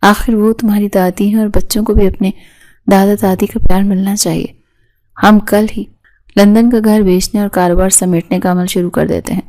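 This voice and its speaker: Woman reader as a forgiving young wife, soft and mellow. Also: mid-range voice, steady tone, lightly acted, rough recording. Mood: gentle.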